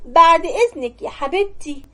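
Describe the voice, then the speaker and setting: Scheming Egyptian mom, sugary and sharp, high voice, read by a woman storyteller. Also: expressive, brisk, exaggerated voice. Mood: sweet hosting. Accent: Egyptian Arabic. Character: scheming middle-aged mother, sugary to guests, harsh to kin.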